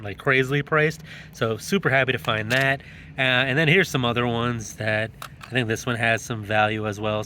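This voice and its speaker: A man's voice: medium pitch, a little hiss or hum. Chatty man echoing like in a cave. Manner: chatty and excited, with frequent ums and restarts. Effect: echoey cave-like sound. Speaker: yard sale vlogger. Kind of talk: casual show-and-tell narration.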